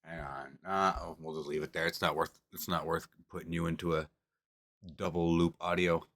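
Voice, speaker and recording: A man streams from home with his camera set on a table, talking in a loose, rambling and often profane way. His voice sits very low. The sound is dry and close, with almost no room echo. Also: level tone, moderate pace, a bit bright. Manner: rambling, loose and profane, talks with mouth full at times. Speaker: streamer doing tarot readings. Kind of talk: casual livestream chat.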